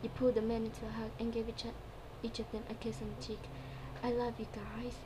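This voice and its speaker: Woman, higher-pitched voice, fairly even intonation, amateur dramatic story reading, stumbling delivery, background noise. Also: fast talker. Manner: stumbles over words and repeats phrases. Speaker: fan fiction reader. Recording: clearly noisy home recording.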